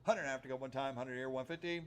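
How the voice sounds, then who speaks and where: A man's voice: medium pitch, fairly even intonation, rapid-fire, clear, resonant tone. A man working as an auctioneer, chanting bids in a rhythmic, repetitive patter of numbers and stock phrases.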